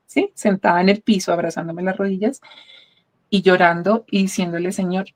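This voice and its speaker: A woman's voice: medium pitch, a little mellow. Middle-aged woman, reflective and earnest interview testimony. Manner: earnest, reflective, often asks "¿sí?". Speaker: guest sharing a testimony.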